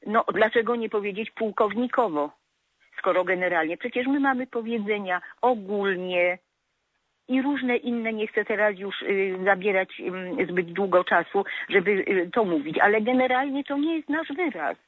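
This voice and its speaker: A woman speaks down a telephone line, thin and tinny, with a dry close sound. She calls in to a radio show, pausing often with filler sounds as she corrects how people speak. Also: mid-range voice, no echo. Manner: hesitant, many filler sounds, prescriptive. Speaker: radio caller. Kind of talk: call-in talk about correct speech.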